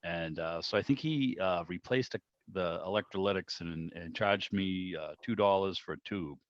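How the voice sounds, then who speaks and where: A deep-voiced middle-aged Boston-area man, from the United States, rambles through memories in an online video meeting, speaking at normal speed and saying "you know" a lot. Captured by a video call microphone, the sound has no room tone and is dull.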